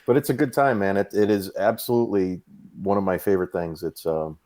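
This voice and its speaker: A man's voice: low-pitched, brisk. A man in his fifties from Massachusetts, a podcast guest chatting casually about fitness, telling stories with lots of fillers. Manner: relaxed storyteller with frequent fillers. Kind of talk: casual chat.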